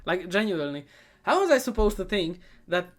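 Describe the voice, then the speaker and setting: Sarcastic high-voiced man recapping a movie. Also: big pitch swings, a little fast. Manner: sarcastic, profane and rambling, often trailing off into quieter asides. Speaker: movie reviewer. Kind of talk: comedic movie recap commentary.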